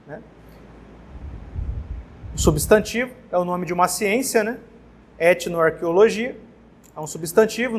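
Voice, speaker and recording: In a classroom with a whiteboard, a man with a Brazilian Portuguese accent and a high-sitting voice runs an exam-prep grammar lesson. He keeps it casual, often restarting words and checking in with his students.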